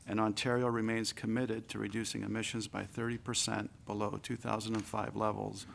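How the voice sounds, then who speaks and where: A male government official gives formal testimony before a legislative committee. His voice is low and gravelly, and his delivery is deliberately low-key and monotone. It hardly rises or falls. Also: a little hiss or hum. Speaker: government deputy minister.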